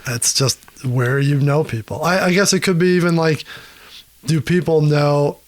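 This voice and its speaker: A man's voice: on the high side, moderate pace, no room sound. A man in his thirties co-hosting a podcast, talking loosely and swearing casually. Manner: loose and profane, trading references. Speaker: podcast co-host.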